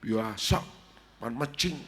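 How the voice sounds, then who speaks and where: A man with a Brebes Javanese accent giving a humorous sermon, telling stories and acting out dialogue with shouts and laughs. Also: mid-range voice, expressive, slow. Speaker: preacher. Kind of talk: humorous sermon at a family gathering. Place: large hall at a family gathering. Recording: long hall reverb.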